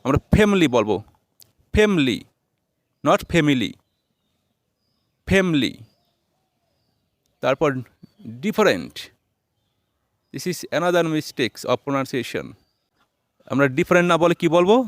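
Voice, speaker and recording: A male teacher runs a pronunciation lesson. He quizzes someone and then repeats each word twice. His voice sits a bit high and is recorded dry and close. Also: expressive, unhurried, long pauses, no echo. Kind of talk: classroom-style pronunciation lesson.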